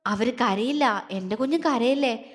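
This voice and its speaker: A woman voicing a tender young man who speaks gently and affectionately to comfort his beloved. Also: a little high, measured pace, in a large hall, close to an everyday voice. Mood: soothing.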